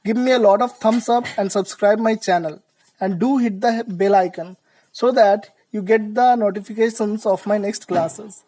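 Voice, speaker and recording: Brief: woman teacher, measured, deliberate delivery for a vocabulary class. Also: medium pitch, dark tone, poor audio. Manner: slow, deliberate explanations. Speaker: English teacher. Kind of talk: vocabulary lesson.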